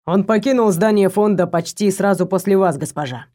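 A woman voicing a terse, apologetic male bodyguard who speaks haltingly. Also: medium pitch, mellow, lightly acted. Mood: guilty. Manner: halting and hesitant.

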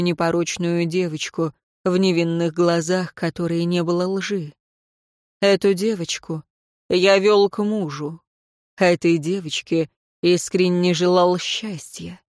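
A woman voicing a bitter imprisoned nobleman, speaking slowly and coldly with mockery. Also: lowish voice, darkish tone, no room sound, clean studio sound. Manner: slow, cold, mocking.

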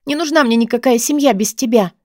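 A woman's voice: fairly high pitch, fairly quick, a little mellow, dry recording, studio quality, voice pushed up, lightly acted. A woman voicing a lovesick young woman student who pleads in a raised, emotional voice in an audiobook reading. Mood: desperate, pleading.

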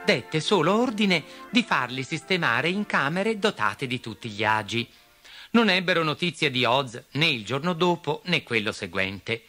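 A male storyteller reads a fairy tale aloud with lively, swooping intonation. His tone is bright and crisp, a little high, and faint music plays underneath. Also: measured pace. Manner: expressive, switching to character voices. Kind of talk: storybook narration.

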